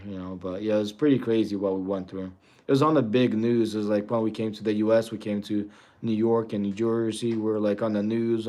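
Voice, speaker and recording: Low, mellow-voiced man in his 40s. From Russia, raised in the US. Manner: relaxed, rambling, thanks viewers warmly, chuckles often. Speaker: livestream trading host. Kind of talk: casual livestream chat.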